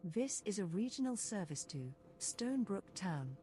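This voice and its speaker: A woman voicing a polite automated railway announcer, giving formal, measured passenger notices in a train game. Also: mid-range voice, big pitch swings, mellow, slight background noise, natural voice.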